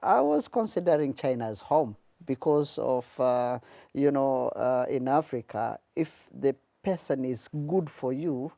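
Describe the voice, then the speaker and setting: A man speaks with a dark, gravelly voice in a dry, close sound. He answers at a measured pace, pausing often on "uh" as he gathers his thoughts. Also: mid-range voice, animated, no echo. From Tanzania. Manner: measured, with frequent hesitations. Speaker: guest, public relations officer. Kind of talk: conversational interview answers.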